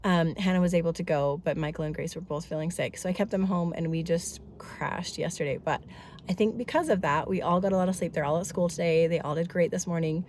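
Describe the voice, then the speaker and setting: A woman's voice: on the low side, fairly quick, darkish tone, a little hiss or hum. A woman in her thirties chatting casually in a family vlog, congested from a head cold, talkative and rambling with lots of asides. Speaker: family vlogger.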